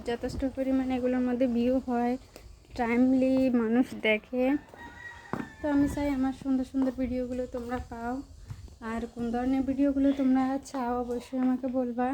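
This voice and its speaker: A young Bangladeshi woman chatting to her viewers while she works in her village garden, rambling and casual, sometimes slow and soft. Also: sits high, background noise. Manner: speaks slowly and softly on purpose at times. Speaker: village vlogger. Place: outdoors in a village vegetable garden.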